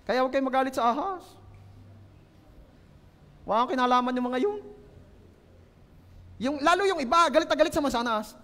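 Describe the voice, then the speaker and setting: A Filipino man delivers a playful sermon, teasing his congregation and asking them questions. His voice sits unusually high for a man. The church hall around him gives it a long, ringing echo. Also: normal speed, long pauses, a bit bright. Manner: joking, asks the congregation questions. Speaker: pastor. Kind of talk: lively humorous sermon.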